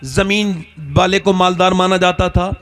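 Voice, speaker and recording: Brief: a storytelling preacher, a man with a high voice who keeps asking his listeners rhetorical questions. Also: level tone, measured pace. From northern India. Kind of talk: sermon.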